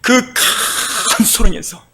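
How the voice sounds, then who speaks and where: A male pastor preaching a sermon with passion, moving from soft, quiet passages to loud cries. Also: extremely slow, a little hiss or hum. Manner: impassioned preaching, swinging from soft to shouting.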